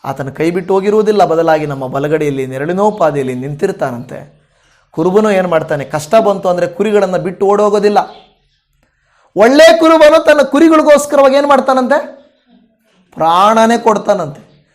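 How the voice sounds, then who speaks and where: Male pastor, high and animated delivery, preaching with big swings in volume. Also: moderate pace. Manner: expressive, swinging between loud peaks and soft drops. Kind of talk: sermon.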